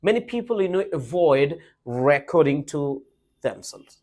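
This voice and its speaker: A man gives a pronunciation lesson. He is emphatic and repeats himself. He keeps asking the listener questions, and his pitch rises and falls in a lively way. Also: unhurried. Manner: emphatic, repeats points, asks rhetorical questions. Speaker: English teacher. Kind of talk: spoken English lesson to camera.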